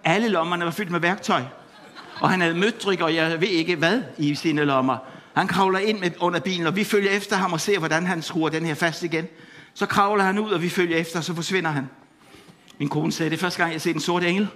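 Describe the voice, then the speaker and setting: A man's voice: high-pitched, fairly bright tone, slight background noise. Impassioned middle-aged man preaching. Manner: impassioned, repetitive exclamations; storytelling with laughter. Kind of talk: sermon.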